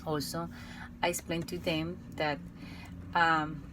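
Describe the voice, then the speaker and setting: A woman teacher with a Colombian Spanish accent and a low-pitched voice reads out a prepared report about a student. She speaks carefully and haltingly, restarting phrases and filling pauses. A faint hum of room ambience sits behind her. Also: level tone. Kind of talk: reading a prepared case report.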